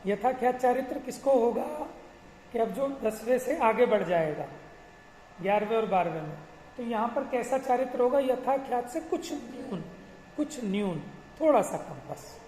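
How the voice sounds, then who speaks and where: A man's voice: extremely high pitch, animated, a little mellow, slight background noise. Man teaching scripture in echoey hall. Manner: asks rhetorical questions, chants verses slowly. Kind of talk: explanatory religious class lecture.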